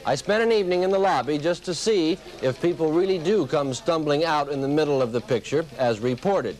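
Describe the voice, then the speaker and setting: A man's voice: a little high, a little fast, a little mellow, rough recording. Male 1970s TV news reporter. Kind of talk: scripted news report and on-the-spot interviewing. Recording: 1970s television broadcast audio.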